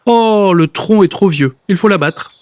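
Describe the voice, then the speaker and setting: A man's voice: on the high side, moderate pace, background noise, lightly acted. A man doing a brusque, scornful neighbor. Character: grumpy, blustering man neighbor.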